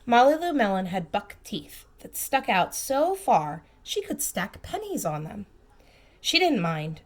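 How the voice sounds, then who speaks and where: A preschool teacher with a mid-range voice reads a storybook aloud to young children. She's expressive, with slow, emphatic phrasing, and adds simple asides and questions for her little listeners.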